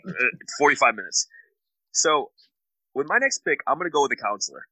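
A man's voice: fairly high pitch, big pitch swings, brisk, pushed and bright, slightly rough, dry recording, low-quality recording. A man co-hosting a podcast, joking casually with his friends. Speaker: podcast co-host. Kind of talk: casual comedic banter.

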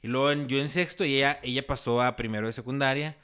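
A man's voice: mid-range voice, steady tone, fairly bright tone, clear, resonant tone. Slangy young Mexican man storyteller. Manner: slangy storyteller with halting restarts. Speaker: podcast co-host. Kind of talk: casual chat.

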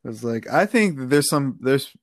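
A man's voice: medium pitch, lively intonation, normal speed, no room sound, studio quality. A young man co-hosting a casual podcast, laid-back and hedging, laughing often. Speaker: podcast co-host.

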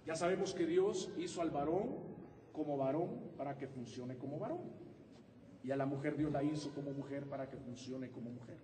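A man preaching a sermon as pastor in a church, animated and humorous. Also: a little high, moderate pace, far from the mic, slight background noise. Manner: animated and humorous, acting out husband-wife exchanges. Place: church sanctuary. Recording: echoey hall, preacher away from the mic.

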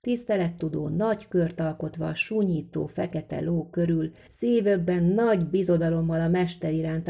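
A woman's voice: lowish voice, gravelly, dark tone, slightly rough. A woman reading a folk tale aloud in a vivid, rhythmic storytelling manner.

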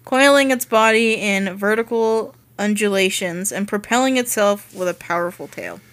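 A young woman co-hosting a casual podcast, blunt and sweary, with quick wisecracks as she reads descriptions aloud. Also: mid-range voice, lively intonation, a bit bright. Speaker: podcast co-host. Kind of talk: casual chat.

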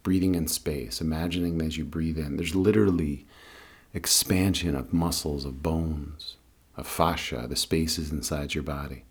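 This guided meditation and breathing teacher has a husky voice in an extremely deep register. His delivery is soothing, calm and never hurried.

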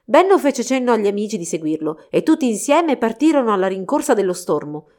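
A woman's voice: fairly high pitch, a little fast. Woman narrating a fairy tale. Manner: steady, expressive reading. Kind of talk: storybook narration.

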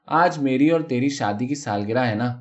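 A man voicing a harried, blustering working-class husband who yells at his quarrelling wives in a storybook reading, on a dull lo-fi recording. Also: mid-range voice, lightly acted. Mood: exasperated. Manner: yelling, stammering when cornered.

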